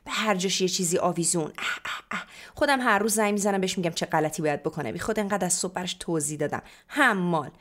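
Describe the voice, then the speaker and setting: A woman voicing a short-tempered middle-aged mother who scolds loudly and fast in a storybook reading. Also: close to an everyday voice. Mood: scolding. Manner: shrill, fast, nagging.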